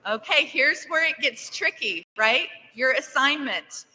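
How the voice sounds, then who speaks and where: This Nevada woman, a director, speaks in a high, unhurried voice as she welcomes a conference audience. Upbeat and interactive, she polls the room with show-of-hands questions and cheers the replies, her words ringing around a large, echoing hall.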